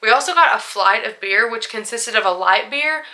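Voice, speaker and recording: A woman's voice: fairly high pitch, expressive, moderate pace, sharp tone. A young woman chatting candidly in a casual vlog, a little tipsy, full of asides and likes. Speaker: vlogger.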